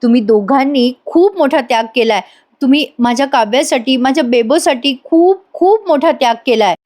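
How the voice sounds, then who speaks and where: A grateful young man thanks his brother with open, heartfelt warmth, as a woman reads his lines. His voice sits high and earnest throughout. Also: animated, normal speed.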